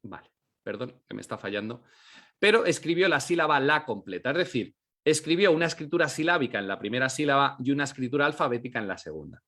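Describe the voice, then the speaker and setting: A man at an ordinary, middle pitch gives an explanatory lesson. He poses questions and answers them himself, stretching out syllables slowly to demonstrate them. Now and then he stops to correct himself with a quick apology. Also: expressive, fairly bright tone. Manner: occasional apologetic self-corrections. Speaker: teacher. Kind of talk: educational lecture on literacy.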